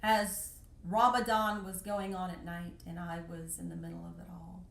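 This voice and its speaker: A woman's voice: fairly low pitch, level tone, moderate pace, creaky, a bit bright, roomy sound, slight background noise. An American woman talking to the camera about her travels, emotional and close to tears, pleading and repeating herself with passion. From United States. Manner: impassioned, pleading, repeats phrases. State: tearful, emotional. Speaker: vlogger. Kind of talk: emotional personal monologue.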